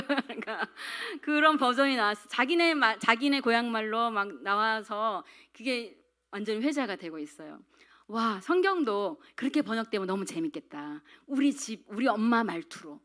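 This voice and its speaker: A woman's voice: fairly high pitch, a bit bright. A middle-aged woman giving a chatty talk on devotional Bible study at a prayer meeting, acting out little quotes and putting questions to the room. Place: church hall.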